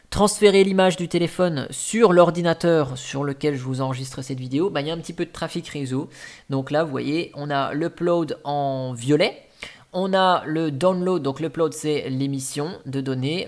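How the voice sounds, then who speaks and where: A man hosts a casual tech tutorial, narrating what appears on a phone screen. His delivery is chatty and loose, full of fillers and small restarts as he points things out. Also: on the high side. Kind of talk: casual screen-recording walkthrough.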